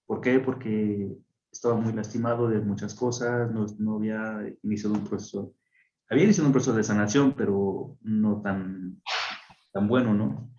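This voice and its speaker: Man, friar, radio interview, animated storytelling, echoey room, dull sound. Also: on the low side, moderate pace. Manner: animated storyteller who acts out voices. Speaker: friar telling his story. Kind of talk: radio interview, personal testimony. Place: radio studio.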